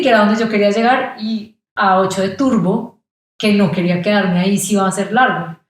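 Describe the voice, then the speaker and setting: A young Colombian woman, a podcast guest, telling a travel story in casual conversation and acting out the voices of people she met. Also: medium pitch. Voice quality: animated, acts out quoted voices. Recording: very echoey room.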